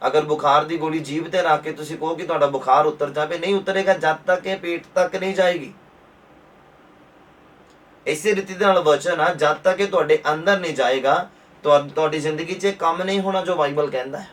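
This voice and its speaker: A pastor with a Punjabi accent preaching a sermon, repeating his points and rising to forceful emphasis. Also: on the high side, steady tone, fairly quick, distant mic.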